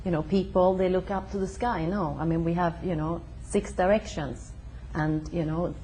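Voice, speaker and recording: A young woman from Sweden, interviewed in her home, speaking hesitantly with many fillers and pauses. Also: lowish voice, fairly even intonation, dark tone, slight background noise, poor audio. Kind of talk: casual conversation.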